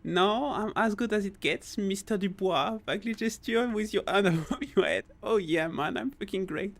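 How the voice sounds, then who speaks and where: A man's voice: high-pitched, moderate pace, gravelly, a bit bright. A man streaming a video game, reading dialogue aloud and chatting playfully with his viewers. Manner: playful, giggly, reads lines aloud. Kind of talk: casual gameplay commentary. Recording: game music behind.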